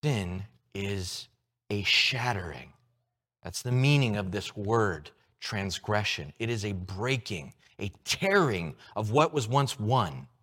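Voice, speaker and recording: Man, pastor, sermon, unhurried delivery, lively intonation, hushed to loud. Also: on the low side, breathy edge. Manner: animated, with props and shifts from hushed to loud.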